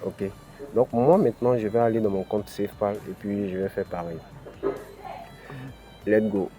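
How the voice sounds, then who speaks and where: Speaking at a moderate pace in a dark, fairly low voice, this crypto channel host explains a screen-recorded tutorial step by step. He has an African French accent and fills his talk with "ok" and "voilà." Soft music plays in the background.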